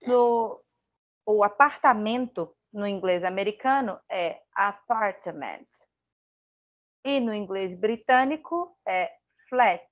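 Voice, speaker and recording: A woman with a Brazilian Portuguese accent teaches English in a relaxed, chatty way. She thinks aloud and makes self-deprecating asides. Her voice sits at a medium pitch on a slightly dull, lo-fi recording. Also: takes it slowly. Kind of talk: casual online lesson.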